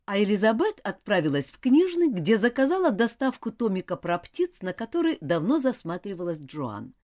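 A woman's voice: medium pitch, big pitch swings, moderate pace, a little mellow. A woman narrating a children's storybook aloud, voicing all the characters expressively.

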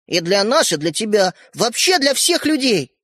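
An earnest, eager young boy, insisting in a bright lively voice, as a woman reading a storybook does him. The recording is dry and close. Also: mid-range voice, normal speed, dry recording.

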